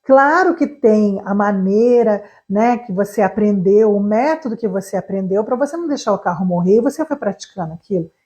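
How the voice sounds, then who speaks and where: A Brazilian woman teaching English online, fast, animated and emphatic, speaking straight to her viewers. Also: medium pitch. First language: Portuguese.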